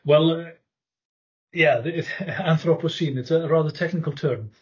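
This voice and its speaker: A middle-aged man from Iceland, a guest academic explaining his background in a halting, thoughtful way. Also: a little high, husky, dull audio. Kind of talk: podcast interview. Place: room with host.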